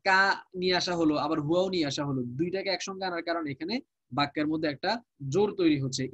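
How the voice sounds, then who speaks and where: Slightly high and a bit bright, this man's voice comes through a dry recording. He has a Bangladeshi Bengali accent and teaches a live online class in Quranic Arabic, explaining unhurriedly and repeating each word with a translation.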